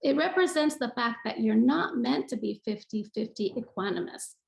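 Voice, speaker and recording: A woman's voice: on the high side, lively intonation, normal speed, vocal fry, reverberant, poor audio. A woman giving an earnest online talk on yoga, repeating phrases for emphasis like a teacher. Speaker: yoga speaker. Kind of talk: online talk with screen share.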